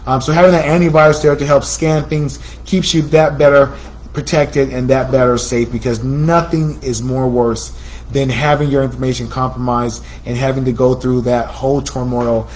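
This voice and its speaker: A man's voice: medium pitch, steady tone, moderate pace, a little mellow, slight background noise, poor audio. An American man hosting a computer store's promotional video, talking in a chatty, salesy way and often repeating himself. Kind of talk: casual promotional talk.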